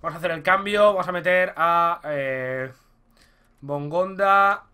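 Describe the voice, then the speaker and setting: A young man from commentating his own football video game match, talking to viewers and shouting at goals. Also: fairly high pitch, measured pace, clean tone. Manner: excitable, shouts at goals, addresses viewers as "chicos". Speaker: gaming YouTuber.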